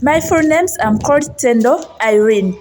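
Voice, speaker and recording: A Ugandan woman, a vlogger and housemaid with a Ugandan accent, chats to viewers in a personal vlog from a residential street outdoors, often repeating phrases for emphasis. Her voice is fairly high-pitched and animated at a moderate pace, with noisy outdoor ambience all around.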